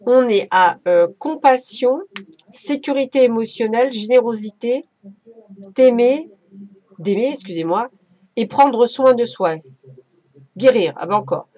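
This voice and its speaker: A woman's voice: a little high, animated, measured pace, pauses often, dark tone. Chatty French-speaking woman reading oracle cards. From France. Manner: chatty, playful, effusive. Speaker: medium giving a card reading. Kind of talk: casual oracle card reading.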